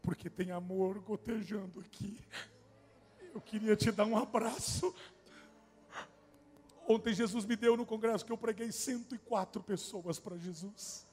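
A man's voice: high-pitched, fairly even intonation, measured pace, long pauses, a little mellow, slightly rough. A male preacher giving a fervent sermon at a church service and calling out to the congregation.

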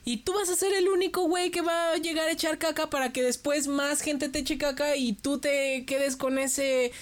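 A man's voice: extremely high pitch, moderate pace. A young man co-hosting a casual chat, telling stories with lots of energy and acting out the voices of the people he quotes. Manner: lively storytelling, acts out quoted voices.

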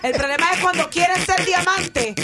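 A woman's voice: very high-pitched, moderate pace. A woman co-hosting a talk show, teasing her partner and giving blunt advice. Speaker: radio co-host. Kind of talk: casual banter.

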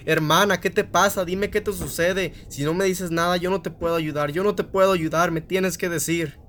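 A man doing a frantic little boy, voice pushed up high and loud, begging over and over to be told what's wrong. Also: steady tone, normal speed, a little hiss or hum. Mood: pleading. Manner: pleading, rising to frantic shouts. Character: desperate young boy pleading with his sister.

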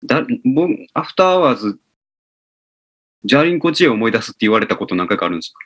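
A man with a Kansai accent, a musician co-hosting a podcast in casual chat, laid-back and teasing, quick to laugh. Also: medium pitch, sing-song, a bit bright.

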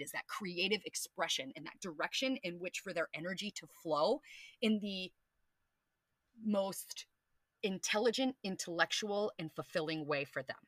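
Woman podcast host, bright voice, dry close sound, animated, profane, playful. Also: on the low side, dry recording. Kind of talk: casual astrology talk.

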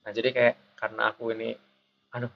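A man's voice: completely flat delivery, quick pace. Young man with a pinched voice. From Surabaya, Indonesia. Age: 20s. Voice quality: pinched, shrill voice. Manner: self-deprecating, joking, informal. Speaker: guest host interviewing the podcast's founder. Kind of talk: casual podcast chat. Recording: dull lo-fi audio with clear background noise.

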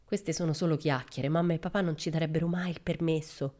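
A woman's voice: deep voice, steady tone, fairly quick, dark tone, close to an everyday voice. A woman voicing an earnest, somewhat anxious young boy in a storybook reading.

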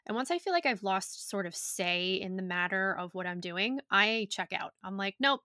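A woman hosting a casual podcast, chatty and profane, her voice a little raspy. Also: mid-range voice, moderate pace, bright, forceful tone, no echo, studio quality. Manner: chatty, loose and profane, with many likes. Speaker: podcast host and yoga teacher. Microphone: home podcast microphone.

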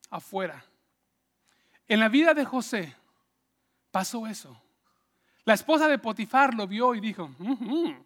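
A man's voice: very high-pitched, pushed and bright. A man preaching a sermon conversationally, checking in with "¿sí?" and acting out the people he quotes. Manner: conversational, asks "¿sí?" often, acts out quotes. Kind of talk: sermon storytelling.

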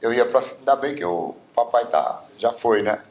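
In a roomy, echoing recording, a guest singer from Bauru, Brazil, in his seventies, tells stories casually during an interview. His medium-pitched voice is animated and moves at a moderate pace, with plenty of fillers.

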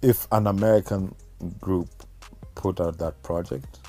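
A man's voice: deep voice, steady tone, a little slow, mellow, soft background music. A man with a Kenyan accent talking casually and reflectively as a guest musician in an interview.

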